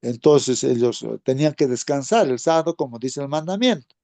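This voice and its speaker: A man's voice: medium pitch, lively intonation, moderate pace, dark tone, no room sound. A man giving an informal Sabbath School Bible lesson, speaking conversationally, often calling listeners brothers and asking tag questions.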